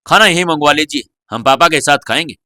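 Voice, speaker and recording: Proud little boy in a story, a bit whiny, higher voice, man doing it. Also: fairly quick, pushed and bright, dry recording, clean studio sound. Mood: boastful. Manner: boastful, whiny pleading. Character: small boy, proud and easily hurt.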